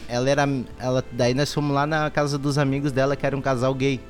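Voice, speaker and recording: A man's voice: mid-range voice, flat delivery, fast talker, faint music behind. A hungover man, telling stories in casual, slangy talk as a co-host. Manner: colloquial, slangy storytelling. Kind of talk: casual chat, joke telling.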